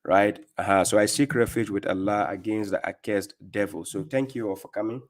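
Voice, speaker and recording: A middle-aged man with a Ghanaian accent and a fairly low voice leads a live-stream religious talk. He speaks emphatically and firmly, often stopping to ask his viewers "right?". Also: a little fast. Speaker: livestream host and religious speaker.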